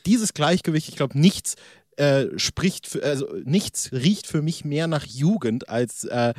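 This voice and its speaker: A man's voice: on the high side, animated, a little slow, darkish tone, dry recording. Rambling man hosting a podcast, dry sound. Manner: rambling, hesitant, many fillers. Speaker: podcast host. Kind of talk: casual podcast chat.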